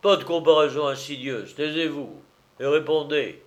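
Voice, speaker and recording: Pompous loud gendarme for a storybook reading, played by a male narrator. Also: fairly high pitch, normal speed, muffled recording, lightly acted.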